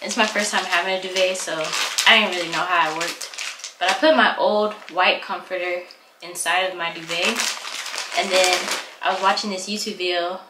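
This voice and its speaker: A woman's voice: fairly low pitch, steady tone, moderate pace. A young woman chatting casually to viewers while she does chores at home, filmed on a camera mic as she moves around. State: out of breath. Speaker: vlogger. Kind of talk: casual vlog chat. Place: small apartment at home, indoors. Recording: echoey room with noise.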